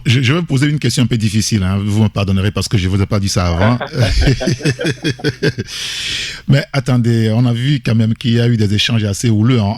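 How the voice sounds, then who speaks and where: A man's voice: on the low side, darkish tone, no room sound. A man from Togo with a Togolese French accent, hosting a morning radio interview in a chatty, emphatic way. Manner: chatty, emphatic, tags questions with "hein". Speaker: radio host.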